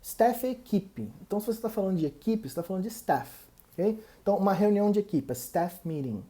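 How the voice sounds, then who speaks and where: A man's voice: high voice, animated, mellow. Brazilian man teaching English words. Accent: Brazilian Portuguese. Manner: repeats words slowly to model pronunciation. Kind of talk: English lesson for Portuguese speakers.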